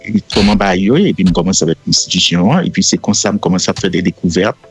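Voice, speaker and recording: Middle-aged Haitian man, deep husky voice, radio guest; steady explainer with faint music under. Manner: measured, explanatory, with frequent fillers. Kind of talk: casual radio interview.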